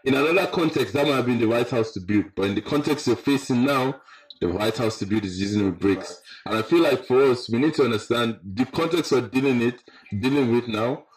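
A man's voice: medium pitch, brisk. A man with an urban London roadman accent talking casually and slangily, repeating phrases for emphasis. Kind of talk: casual discussion. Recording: roomy, echoey sound.

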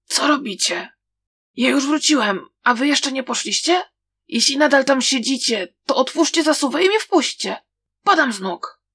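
A woman's voice: high-pitched, animated, normal speed, fairly bright tone, breathy edge, no room sound, studio quality, voice pushed up, full character voice. A woman voicing a cheerful but ruthless young man who taunts breezily. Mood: mocking.

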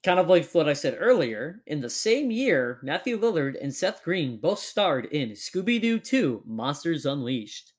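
A man's voice: fairly high pitch, big pitch swings, unhurried, hardly any pauses. A young man hosting a casual chat, rambling with lots of fillers. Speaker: podcast host.

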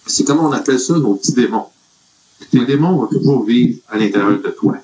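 A man's voice: medium pitch, brisk, darkish tone, low-quality recording. A man with a Quebec French accent, earnestly giving rambling life advice in a casual group chat. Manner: earnest, rambling with many fillers.

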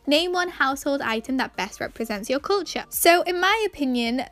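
High-pitched, chatty young woman vlogger. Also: a bit bright. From Pakistani background. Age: young adult. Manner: enthusiastic, emphatic, chatty. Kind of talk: casual question-and-answer chat.

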